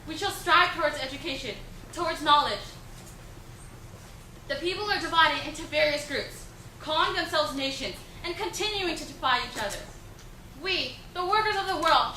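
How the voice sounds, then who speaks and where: Woman acting a high-pitched, defiant young activist. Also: moderate pace, sharp tone. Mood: solemn, resolute. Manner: impassioned, declamatory oratory. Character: defiant young woman anti-war activist, idealistic immigrant. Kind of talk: dramatised historical speech. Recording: echoey room with faint background noise.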